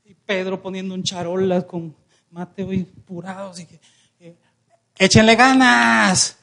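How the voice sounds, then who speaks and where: Young man, Mexican Spanish accent, high voice, pastor's sermon, playful, asks the congregation for amens. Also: normal speed. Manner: lively, joking preacher who calls for congregation responses.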